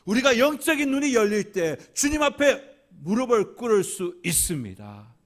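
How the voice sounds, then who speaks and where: A man preaching a Sunday sermon as senior pastor in a church, swinging from hushed whispers to loud, emphatic climaxes with rhythmic repetition. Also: high voice, sing-song, moderate pace. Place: church sanctuary.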